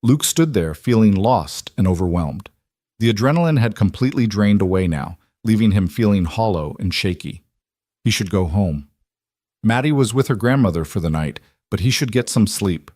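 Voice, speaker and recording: A male narrator tells a dramatic story in a steady, measured manner. His voice sits on the low side, recorded close and dry with no room echo.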